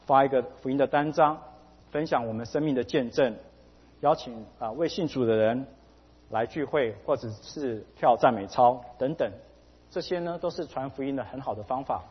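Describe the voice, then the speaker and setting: A man preaching a sermon in a measured way, pausing often with fillers, recorded dull with a long hall reverb. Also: mid-range voice, slightly rough. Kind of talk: sermon with anecdote.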